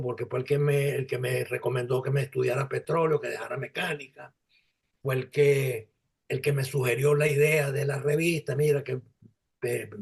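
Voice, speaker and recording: A man in his seventies with a Venezuelan Spanish accent, a guest in an interview, speaking in a halting, reflective way with many restarts. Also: mid-range voice, gravelly, a little mellow, breathy edge. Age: 70s. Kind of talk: conversational interview.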